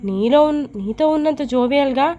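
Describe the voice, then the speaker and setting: A woman's voice: sits high, moderate pace, warm tone, dull audio, a little hiss or hum, lightly acted. A woman reading a needling middle-aged sister. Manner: needling, nosy.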